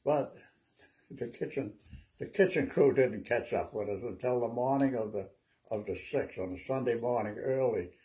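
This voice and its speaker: An elderly man in his nineties with a dark, relaxed voice. He speaks as an old veteran remembering his service, telling stories conversationally. His recollection is halting and wanders, with words often repeated. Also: medium pitch. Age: 90s. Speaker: WWII veteran interviewee. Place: small living room at home, seated.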